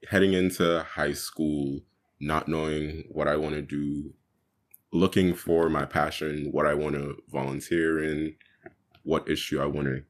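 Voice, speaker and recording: A young man from Jamaica speaks as an interview guest with an extremely deep voice. He talks earnestly and stops now and then to gather his thoughts. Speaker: guest youth activist. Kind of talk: casual interview talk.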